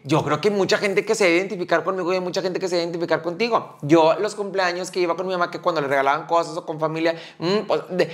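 A man's voice: high-pitched, fairly bright tone. A man with a Mexican accent, chatting bluntly on a podcast and mocking what he dislikes. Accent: Mexican Spanish. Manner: blunt, opinionated, quick to mock. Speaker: podcast co-host. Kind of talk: casual chat.

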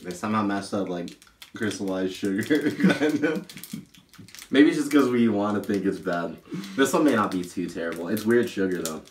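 A young man with a low voice that swings widely in pitch, bantering in relaxed slang as he talks through snacks. He sits away from the mic in an echoey room with a faint hiss underneath. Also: normal speed, recorded from a distance. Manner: laid-back slangy banter, laughs often. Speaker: vlog host tasting candy. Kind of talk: casual chat.

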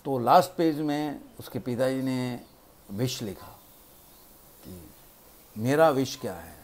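A man telling a moral story in a plain, conversational way, with pauses, as host of his own channel. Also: medium pitch, lively intonation, a little mellow, a little hiss or hum.

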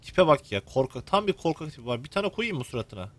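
A man's voice: on the high side, very animated, fast talker, a bit bright. A young man commenting on a video game while he plays, joking and cursing at the characters. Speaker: gameplay commentator. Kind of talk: let's play commentary.

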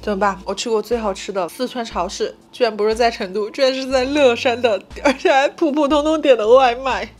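A woman's voice: fairly high pitch, brisk, hardly any pauses. A young woman food vlogger giving casual, enthusiastic and emphatic commentary as she eats in a small room. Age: young adult. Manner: enthusiastic, emphatic with repeated words; talks while eating.

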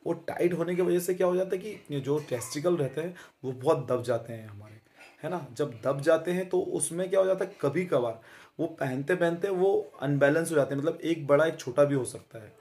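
A fitness vlogger in his thirties, his voice a little mellow and on the high side, talks to camera about fitness in a chatty, friendly manner. He often stops with fillers and tag questions. The audio comes from a phone held close in a small room.

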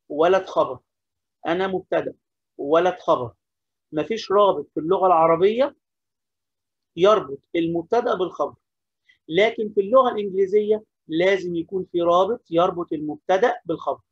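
Egyptian male teacher, quick, husky, questions and answers himself; dry lo-fi sound. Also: high-pitched, no echo. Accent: Egyptian Arabic. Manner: repeats key points, asks and answers questions himself. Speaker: English teacher. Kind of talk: classroom-style lesson explaining grammar.

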